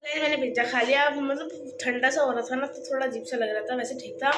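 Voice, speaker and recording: A high-pitched young woman chats playfully to her viewers as a home vlogger, with a giggly, teasing manner. Her voice carries in an echoey room with steady background noise. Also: fast talker. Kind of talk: casual home vlog.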